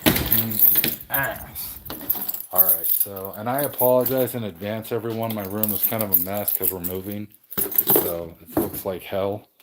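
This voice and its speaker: Male stream host, lower voice, loose rambling chat with restarts. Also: unhurried, heavy background noise. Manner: rambling, self-correcting. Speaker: livestream host. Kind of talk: casual chat with live viewers. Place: home game room.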